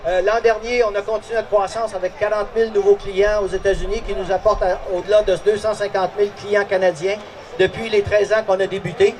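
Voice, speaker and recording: Brief: man, sponsor remarks, raised pitch, heard from a distance with light noise. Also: level tone, a little fast, a little mellow. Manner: formal, thankful speech. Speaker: sponsor speaker. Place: outdoor festival stage.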